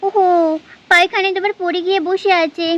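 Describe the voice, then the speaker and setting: A woman voicing a very high, fussing village mother. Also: level tone, a bit bright. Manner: bustling, fast, nagging. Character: fussy village mother, scolding yet doting. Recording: dull lo-fi sound.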